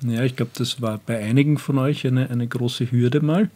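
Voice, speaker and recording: A man's voice: medium pitch, fairly even intonation, normal speed, mellow. A man hosting a community radio show for young people, asking friendly, encouraging questions. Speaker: radio host. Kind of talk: radio interview.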